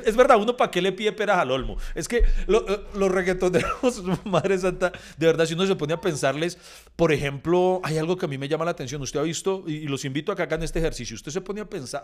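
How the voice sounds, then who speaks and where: A man, co-hosting a podcast in casual chat, playful and quick to laugh. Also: on the high side. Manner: playful, laughs a lot, self-correcting. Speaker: podcast host.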